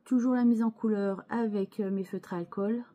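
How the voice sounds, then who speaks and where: A woman's voice: mid-range voice, steady tone, normal speed, warm tone. A woman hosting her scrapbooking channel, chatting casually as she shows her craft pages, hesitant and full of restarts, with chatty asides to viewers.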